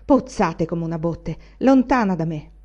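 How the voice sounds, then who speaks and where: A woman voicing a restless, quick-tempered young male student, speaking in an impassioned, brooding way. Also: mid-range voice, lively intonation, warm tone, highs cut off, natural voice. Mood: angry.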